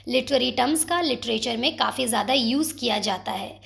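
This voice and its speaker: A woman teaching English literature terms, explaining in Hindi mixed with English and reading quoted poem lines slowly. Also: on the high side, creaky, a bit bright.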